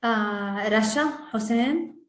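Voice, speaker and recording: Slow-paced woman moderator in an echoing room. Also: on the high side, background noise. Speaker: session moderator. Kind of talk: calling on participants in an online class. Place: online video call. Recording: roomy, echoing call audio.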